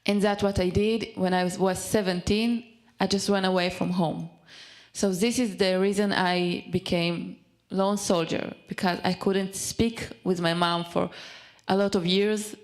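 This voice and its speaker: A young woman from Israel, a native Hebrew speaker, telling her personal story in halting English, often pausing and restarting as she searches for words. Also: on the low side, fairly even intonation. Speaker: speaker at a community event. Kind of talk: personal testimony.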